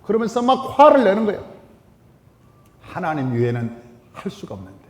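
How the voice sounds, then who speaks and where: A man preaches a sermon from the pulpit of a church sanctuary, pressing his points with repetition and sudden swings between loud and hushed lines. His voice sits high for a man. A long reverb from the hall trails after every phrase. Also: very animated, normal speed. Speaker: pastor.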